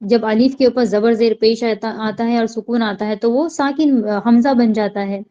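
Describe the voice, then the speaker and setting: A woman teaching Quran recitation. She explains each sound patiently and chants the verses slowly. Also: fairly high pitch, fairly even intonation, mellow, dull audio.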